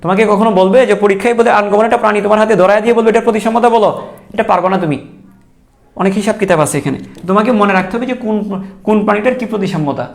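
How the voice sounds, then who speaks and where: Young male exam tutor, gravelly and high, chatty and quick. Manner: chatty, joking, repeats key points. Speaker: teacher. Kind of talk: online exam-prep lecture.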